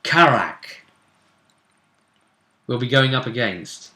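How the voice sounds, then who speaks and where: Serving as game master at a tabletop session, a man speaks in a bright, forward, medium-pitched voice. He is animated yet casual and halting, deliberately laying out the game for his players. The sound is reverberant.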